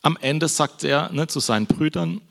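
Gravelly man preaching casually. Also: fairly high pitch, moderate pace, a bit bright. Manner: conversational, frequent "ne?" tags. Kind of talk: casual sermon.

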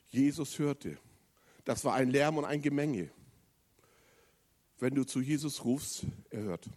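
In this sermon, a man addresses the congregation directly, putting questions to them. His delivery shifts from loud and emphatic to low and quiet.

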